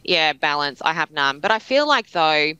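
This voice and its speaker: An Australian woman speaking as a guest on a podcast, talking in a fast-flowing, energetic and candid way. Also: low-pitched, clean tone, no room sound, poor audio. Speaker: podcast guest, veterans recruiter. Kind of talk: casual podcast chat.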